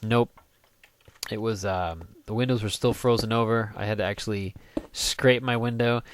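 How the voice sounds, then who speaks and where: A man's voice: fairly low pitch, fairly even intonation, normal speed. Joking man rambling over gameplay. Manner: jokey, rambling, sings goofy snippets. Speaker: gaming let's play host. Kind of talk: casual gameplay commentary.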